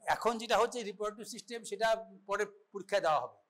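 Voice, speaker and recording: Fast-talking male lecturer. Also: high-pitched, a bit bright. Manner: instructive, checks understanding often, many restarts and fillers. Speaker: medical college lecturer. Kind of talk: classroom lecture, demonstrating an exam.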